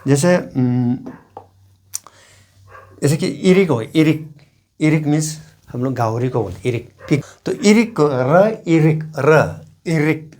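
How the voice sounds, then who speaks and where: A man from Arunachal Pradesh giving an informal lesson, repeating each example word slowly as he explains and points at regions. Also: a little high, lively intonation, darkish tone. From Arunachal Pradesh, India. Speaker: language teacher.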